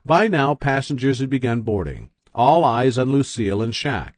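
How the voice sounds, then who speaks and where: A man's voice: medium pitch, big pitch swings, moderate pace, dry recording. A man narrating a dramatic written story.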